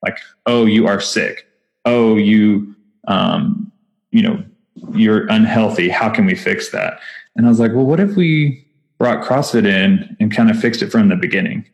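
Vocal fry colors this man's low-leaning voice as he talks at a measured pace. A podcast guest who founded a nonprofit, he has a Texas accent and keeps the interview casual and enthusiastic, with many fillers and restarts.

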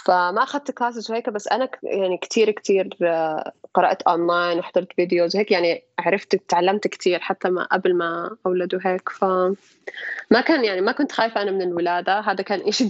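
A woman's voice: lowish voice, no room sound, dull audio. A young woman with a Levantine Arabic accent, chatting casually about her own life and mixing English words and phrases into her Arabic. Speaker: interviewee, a mother telling her birth story. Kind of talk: casual personal storytelling.

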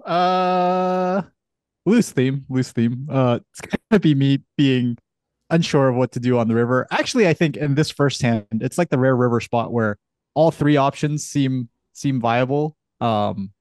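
A man's voice: mid-range voice, measured pace, a little mellow, no room sound, clean studio sound. A man co-hosting a podcast, talking casually and analytically about strategy. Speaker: podcast co-host, poker coach.

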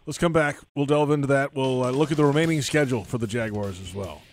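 A man's voice: medium pitch, fast, slight background noise. A man hosting a sports talk show, moving between discussion and sponsor reads.

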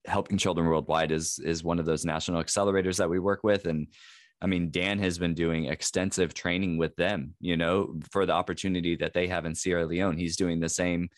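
A man's voice: deep voice, little pitch movement, fairly quick, no echo, clean studio sound. A man co-hosting a podcast, talking casually in a rambling way with many fillers and restarts. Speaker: podcast co-host.

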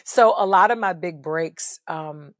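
A middle-aged woman with a deep, bass-heavy voice, a guest telling her story emphatically in an interview. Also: measured pace, no room sound, studio quality. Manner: emphatic, preacher-like delivery with repetition.

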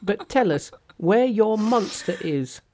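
Monkey, a man doing a brash high voice. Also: lively intonation, slow pace, noisy background. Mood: cocky. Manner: brash, teasing, high-pitched put-on voice. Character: boastful mischievous male monkey hero, cocky.

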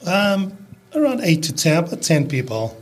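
A South African man in his early fifties, a podcast guest talking casually about his work, with many restarts and fillers. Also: sits high. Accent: South African, fading toward American. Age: 50s. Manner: halting, restarts a lot, fillers, relaxed. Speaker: podcast guest, landscaping business owner. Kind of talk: casual conversational interview.

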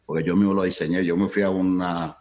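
Middle-aged man, very low voice, animated interview storyteller who slips between Spanish and English. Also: fast talker, a little hiss or hum. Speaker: salsa event promoter.

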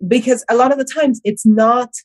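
A woman's voice: fairly high pitch, steady tone, moderate pace, no echo, poor audio. A woman career coach from Honduras, talking earnestly and reflectively in a casual interview, often restarting her sentences.

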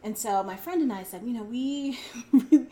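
A woman's voice: on the high side, moderate pace, dark tone. A woman in her forties, a podcast guest telling her story in a rambling, casual way with frequent laughter and fillers. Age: 40s. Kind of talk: casual interview chat.

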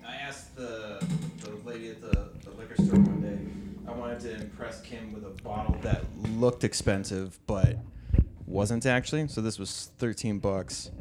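A man's voice: lowish voice, steady tone, unhurried, over loud music. A man hosting a casual podcast chat in an echoey room, talking informally and swearing freely. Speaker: podcast host. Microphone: close handheld or stand microphone.

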